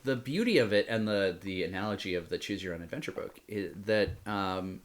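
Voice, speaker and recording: A man co-hosting a podcast, chatting casually and telling animated anecdotes. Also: deep voice, a little fast. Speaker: podcast co-host. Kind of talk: casual chat.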